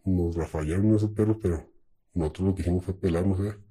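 Husky deep Mexican man, slangy storytelling. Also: fast talker. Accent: Mexican Spanish. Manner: streetwise, swears often, relaxed. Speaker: interviewee.

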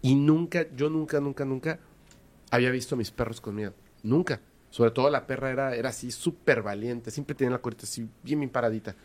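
A man's voice: medium pitch, a little fast. Mexican man telling a story. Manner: animated, hesitant, repeats words for emphasis. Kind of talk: casual storytelling in conversation.

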